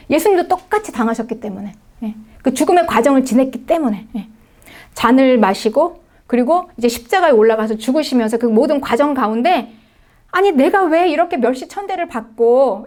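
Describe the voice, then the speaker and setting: A middle-aged woman pastor delivers a sermon in a high, bright voice. Her pitch swings widely as she preaches. She presses her points with rhetorical questions and short affirming words.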